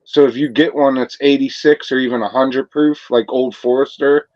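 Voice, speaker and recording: A man's voice: medium pitch, steady tone, moderate pace, darkish tone, no echo. A man chatting casually and enthusiastically about his hobby, swearing freely as he goes. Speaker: whiskey enthusiast. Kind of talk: casual chat. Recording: dull lo-fi sound.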